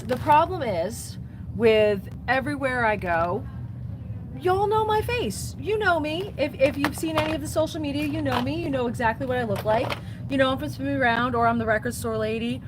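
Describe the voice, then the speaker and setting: A woman who runs a record store chats casually on a livestream, reading viewer comments aloud. She is chatty and upbeat and often says "so yeah." Her voice is high-pitched at a normal speed, and there is noise in the background.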